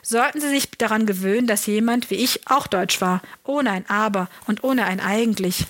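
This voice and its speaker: A woman giving a calm, measured first-person audiobook narration. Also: medium pitch. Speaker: audiobook reader.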